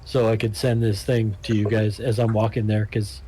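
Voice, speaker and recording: A man's voice: fairly low pitch, level tone, moderate pace, dark tone, a little hiss or hum. A man playing a tabletop game, chatting casually with joking, self-mocking remarks. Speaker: player.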